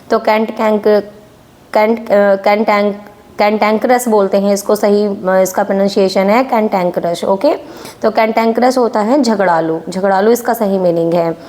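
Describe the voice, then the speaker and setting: A woman's voice: medium pitch, warm tone. A woman teaching English vocabulary for exam prep, repeating each word and its meaning and often checking in with "okay?".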